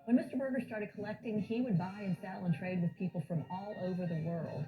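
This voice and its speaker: A woman speaking as a museum curator in an informal documentary interview, explaining in a measured way. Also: medium pitch, fairly even intonation. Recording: thin phone-like audio under music. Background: background music.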